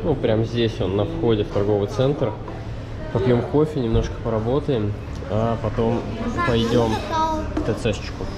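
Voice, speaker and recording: Over a loud crowd, a man in his thirties speaks at a moderate pace with a medium pitch and fairly even intonation. He casually narrates a family travel vlog in slang, filming on a handheld camera held at arm's length at a campsite, in a car and in a mall. The noisy outdoor and in-car recording picks up ambience, vehicle sounds and outdoor noise.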